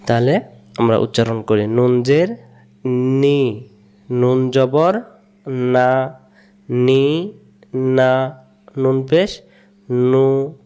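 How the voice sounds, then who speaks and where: A man from Bangladesh with a Bangladeshi Bengali accent gives a Quran reading lesson at a very unhurried pace. His voice is smooth and clear, and he drills syllables again and again, posing quiz questions and answering them himself. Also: medium pitch, dark tone. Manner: drills syllables aloud, repeating each several times. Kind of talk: slow spelled-out recitation lesson.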